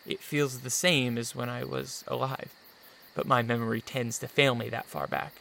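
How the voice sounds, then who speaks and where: A man's voice: mid-range voice, little pitch movement, moderate pace, creaky, sharp tone, a little hiss or hum. An actor playing a weary, centuries-old male vampire count, formal, subdued and hesitant, in a radio drama. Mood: polite, subdued.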